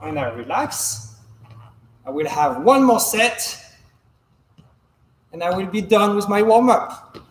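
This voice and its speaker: A young man, a coach, giving calm, measured step-by-step instruction while demonstrating exercises in a large indoor hall. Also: high-pitched. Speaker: fencing coach. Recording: echoey gym hall, faint background noise.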